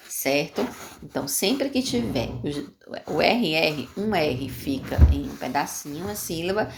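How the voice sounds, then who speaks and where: A woman's voice: low voice, vocal fry, a little hiss or hum. A woman teacher, patiently walking young pupils through homework and answering her own questions. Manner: patient, repeats steps, asks and answers questions.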